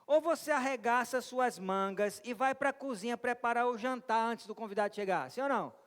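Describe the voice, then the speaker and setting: A male Brazilian pastor with a high voice delivers a lively sermon and keeps drawing the congregation in with questions and jokes. His voice rings with the long reverb of a church hall. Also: a little fast. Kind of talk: interactive sermon.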